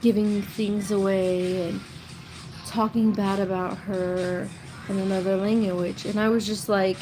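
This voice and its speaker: On a casual live stream, a woman in her thirties tells rambling, chatty stories about her past, frequently breaking into laughter. Her mid-range voice is level and unhurried, with a noisy background.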